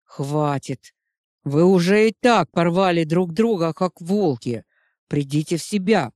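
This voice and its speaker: A woman's voice: lowish voice, expressive, unhurried, a little mellow, dry recording. Woman doing a stern vampire guy, bossy and firm, dry sound. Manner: stern, commanding. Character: stern male vampire, peacemaker among brawlers.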